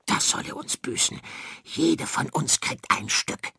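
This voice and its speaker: A man's voice: unhurried, bright, forceful tone, no room sound, clean studio sound. A man voicing a scrappy, greedy ship rat in a storybook reading, hissing and sneering. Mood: scheming.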